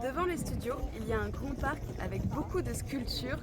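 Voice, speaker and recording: A woman's voice: a little high, expressive, normal speed. A woman giving an enthusiastic guided tour in a travel vlog, pointing things out to her viewers. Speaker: vlogger. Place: outdoors then indoors at a studio attraction. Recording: loud music behind.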